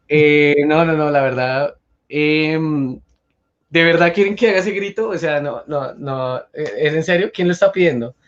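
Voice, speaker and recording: A Colombian man with a fairly high voice chats casually as host. He jokes and teases, often pausing on hesitant fillers. The recording sounds dull and lo-fi. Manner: playful, teasing, full of hesitant fillers. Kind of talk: casual chat.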